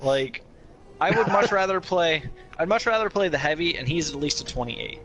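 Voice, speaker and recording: A man talks eagerly over a headset, breaking down game tactics with plenty of swearing. His voice is bright and forceful, with faint music behind. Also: on the high side, expressive, moderate pace. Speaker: podcast co-host. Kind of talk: casual gaming chat.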